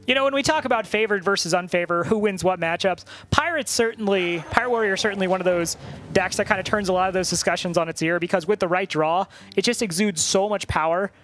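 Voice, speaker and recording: A man casting a card game tournament, talking through plays with quick joking banter. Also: high-pitched, fairly bright tone, a little hiss or hum. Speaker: esports caster. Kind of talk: play-by-play commentary.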